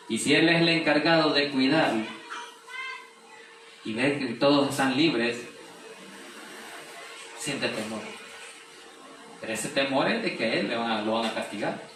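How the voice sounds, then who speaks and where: A man's voice: medium pitch, measured pace, pauses often. A man preaching a sermon, explaining scripture, reading verses aloud and asking rhetorical questions. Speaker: pastor. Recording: very echoey room, distant mic, faint noise.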